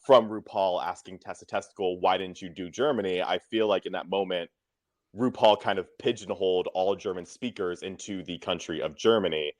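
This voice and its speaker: A man's voice: low voice, moderate pace, no echo. A man co-hosting a casual podcast recap, steering the talk and asking the guest questions. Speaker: podcast co-host.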